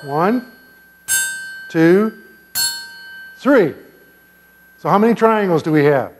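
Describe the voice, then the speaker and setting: Older man, pastor, playful questions for children, higher pitch, long church reverb. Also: lively intonation, slow. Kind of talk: children's sermon. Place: large church sanctuary.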